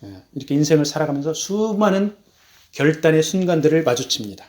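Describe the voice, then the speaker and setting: A man preaching a sermon as a missionary, emphatic, his voice rising on key words and then falling low, slowing down for stress. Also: animated, darkish tone. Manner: measured, slows down for stress.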